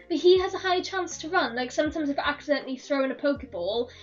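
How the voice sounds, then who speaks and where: A hoarse woman with a fairly high voice rambles happily through a game stream, laughing as she goes. She sits a little back from a dull-sounding mic, with soft game music under her talk. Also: expressive, fast talker. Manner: chatty, rambling, laughs often. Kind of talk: casual chat while gaming. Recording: dull, slightly distant mic.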